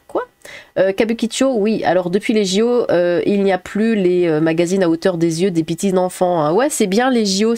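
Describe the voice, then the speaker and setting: A woman YouTuber reading out viewer comments in casual chat, chatty and quick to giggle between remarks. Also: mid-range voice, a little mellow, dry recording. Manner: chatty, frequent fillers, giggles often.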